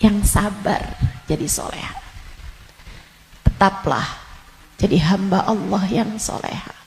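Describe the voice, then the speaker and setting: A woman preacher giving a sermon. She talks slowly and gently, then builds to shouted warnings and acts out the complaints of her listeners. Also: mid-range voice, vocal fry, big-room sound, a little hiss or hum. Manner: rising from slow soft reassurance to shouted urgency, voicing her listeners' complaints. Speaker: Islamic preacher.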